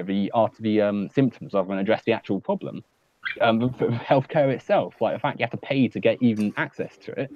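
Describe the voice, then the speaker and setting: A man with a medium-pitched voice talks earnestly and at length about politics in a casual online hangout, using many fillers. He's on a home computer mic over a video call, so the audio is dull and lo-fi, though echo-free.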